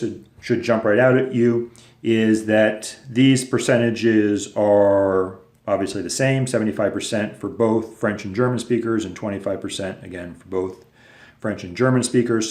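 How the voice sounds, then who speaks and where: In an echoey room, a man with a lowish, darkish voice records a lecture video, patiently explaining things step by step with casual fillers.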